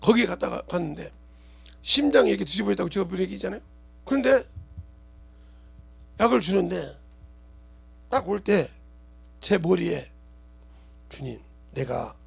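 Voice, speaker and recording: Middle-aged male pastor preaching, high and lively pitch, shouts, then drops low, quizzes the congregation. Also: gravelly, slightly rough. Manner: swings from loud shouting to quiet murmurs, asks the congregation questions. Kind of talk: sermon.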